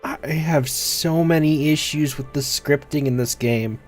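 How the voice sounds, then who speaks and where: A male streamer comments on a game in a wry, casual way, pausing and restarting as he goes. He talks slowly and evenly. Faint game music sits behind him. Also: fairly high pitch. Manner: wry, slightly halting.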